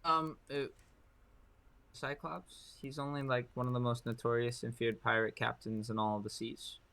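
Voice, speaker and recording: A man's voice: mid-range voice, level tone, moderate pace, gravelly, fairly bright tone, no room sound. A man playing a tabletop game, joking and defending his pirate character. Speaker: player. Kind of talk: playful tabletop game chat.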